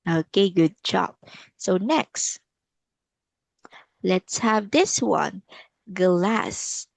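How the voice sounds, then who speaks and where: Woman English tutor, very slow and patient, stretches words for repetition, dry close sound. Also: mid-range voice, expressive, creaky, no echo. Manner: slow, drawn-out model words. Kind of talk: online one-on-one English lesson.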